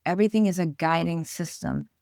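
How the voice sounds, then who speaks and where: Woman, New York accent, earnest spiritual author guest, lowish voice, dry sound. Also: wildly swooping pitch, fairly quick, a little mellow, dry recording. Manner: earnest, flowing, explanatory. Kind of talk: spiritual interview talk.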